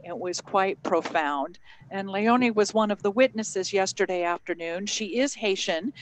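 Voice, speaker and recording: A woman hosts a live stream in a chatty, easygoing way. She fills pauses with ums and circles back to correct herself. A faint hum of room ambience sits under her mid-pitched voice. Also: poor audio. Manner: chatty, with frequent ums and restarts. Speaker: host. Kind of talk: live-streamed interview introduction.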